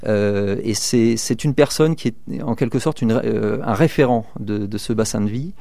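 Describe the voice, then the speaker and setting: Warm in tone with vocal fry, the lowish voice belongs to a man in his thirties, a local election candidate from southern Manche in northern France. He answers interview questions at a moderate pace but hesitantly, with many fillers and restarts, and there's no room sound.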